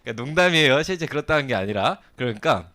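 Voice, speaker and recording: Lively, chatty male youth pastor. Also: mid-range voice, brisk. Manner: chatty, acts out the story, keeps checking understanding. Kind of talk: casual sermon to teenagers.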